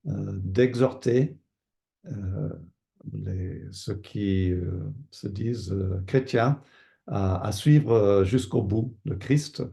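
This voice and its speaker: An older man from Canada answers interview questions at a slow, careful pace. His low voice is gravelly and mellow, and he often pauses and repeats words as he thinks. He sounds like a pastor and teacher. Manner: thoughtful, hesitant with many fillers and repeated words.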